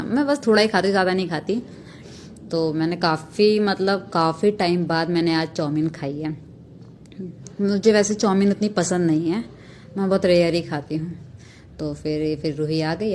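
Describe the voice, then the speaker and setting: Chatty young woman, low mellow voice. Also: slight background noise. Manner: chatty, rambling storytelling with fillers. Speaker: vlogger. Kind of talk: casual daily vlog narration.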